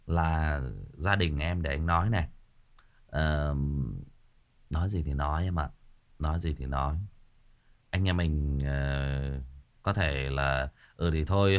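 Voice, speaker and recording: A man's voice: on the low side, fairly bright tone. A man, giving a listener earnest, repetitive advice in a casual livestream talk. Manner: earnest and repetitive, often pausing on a drawn-out "đó".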